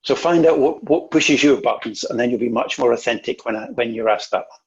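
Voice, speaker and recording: A husky-voiced man leads an online workshop, coaching listeners emphatically and doubling back on his words. His voice comes through muffled, lo-fi video call audio. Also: medium pitch, fairly quick. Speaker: workshop presenter.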